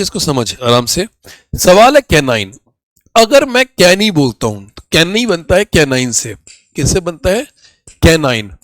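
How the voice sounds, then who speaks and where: Hoarse man teaching vocabulary. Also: on the high side, dry recording. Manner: calls students "my child", asks questions and answers them himself. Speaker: English teacher for competitive exams. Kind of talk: Hindi exam-prep vocabulary lesson.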